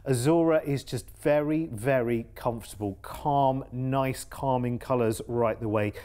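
An English man with a mid-pitched voice co-hosts a TV shopping segment. His patter is upbeat and he repeats words for emphasis, recorded on a studio mic. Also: unhurried, dark tone. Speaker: cruise sales presenter. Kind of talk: TV shopping channel presenting.

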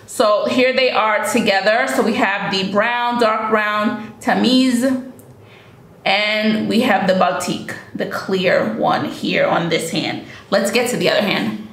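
A woman's voice: medium pitch, steady tone, slow pace, fairly bright tone, echoey room. A woman in a casual beauty vlog, chatting enthusiastically about products and often repeating words for emphasis. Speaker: beauty vlogger.

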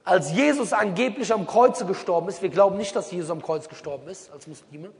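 Male preacher, higher pitch, rhetorical questioner, stage talk with long reverb. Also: brisk, gravelly. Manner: rhetorical, keeps asking questions. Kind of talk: public religious talk to a crowd.

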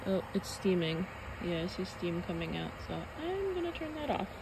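A young car-living vlogger chats casually while camping in a forest, filming on a phone at arm's length and thinking aloud with many fillers. Her fairly low voice is sing-song with vocal fry, at normal speed, over background noise.

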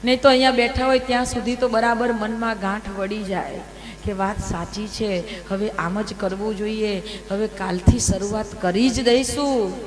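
A woman telling devotional scripture stories as a sermon, lively, with rhetorical questions and acted quotes. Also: medium pitch, normal speed, long reverb tail, a little hiss or hum, low-quality recording. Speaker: religious storyteller. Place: large hall at a temple event.

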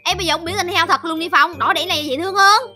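A woman's voice: very high-pitched, racing, sharp tone, soft background music. A woman teasing and squealing her way through a playful comedy skit. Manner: teasing, squealing and laughing easily. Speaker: co-star in a skit.

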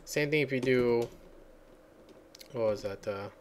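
A man talks through a casual screencast tutorial at a middling pitch. He rambles and thinks aloud, often stopping to search for a word, while keys clatter faintly under a soft hiss behind him. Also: a little slow. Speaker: software tutorial host. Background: computer keyboard typing.

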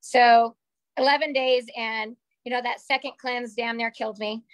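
On a video call from a small home room, a call participant in her forties gives a casual personal testimonial, candid and chatty, her hands moving as she talks. Her slightly raspy voice is fairly high and steady at a moderate pace. The webcam picks up no room sound.

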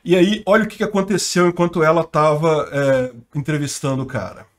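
A man's voice: on the high side, steady tone, a little fast. A Brazilian man with a slightly raised voice hosts his own channel and runs through the news in loose, casual commentary. He talks in slang and keeps breaking into laughter between his points. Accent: Brazilian Portuguese. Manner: chatty, laughs often, slangy. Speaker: channel host.

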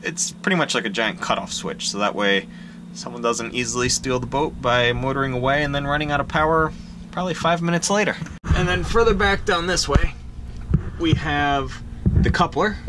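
A young sailing vlogger films himself at arm's length in a small wooden cabin on his boat, casually showing how his gear works. He is plain, practical and self-deprecating, with a fairly bright voice on the high side. There is slight background noise.

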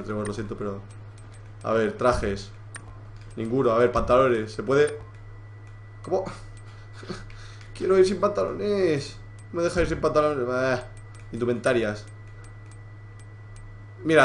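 A young man with a Spain Spanish accent giving live gameplay commentary as a streamer, excitable and joking, swearing freely as he plays. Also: medium pitch, a little hiss or hum. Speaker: gaming streamer.

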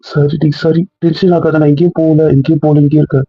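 Young husband in a home couple skit. Rapid, teasing scolding, slightly high voice, dry lo-fi sound. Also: male voice, level tone, husky, no room sound. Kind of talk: casual couple banter. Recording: dull, dry lo-fi audio.

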